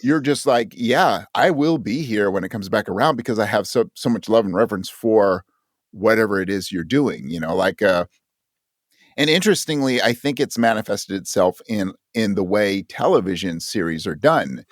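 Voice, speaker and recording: An audio drama creator, appearing as a guest in a casual podcast interview, speaks earnestly and emphatically, often acting out imagined remarks. His lowish voice is expressive at a moderate pace, recorded cleanly in a studio with no room sound.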